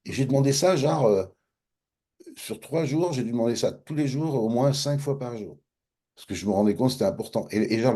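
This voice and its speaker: A man from France with a French accent, telling a personal story in an interview and acting out past conversations. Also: mid-range voice. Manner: animated, acts out both sides of past dialogues. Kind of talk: casual storytelling.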